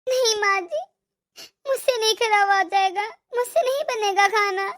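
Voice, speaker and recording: Woman doing a cartoon young bride, sick, crying, pleading weakly, very high bright voice. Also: moderate pace. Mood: tearful. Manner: weak, tearful pleading. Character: sick young daughter-in-law, meek and pleading.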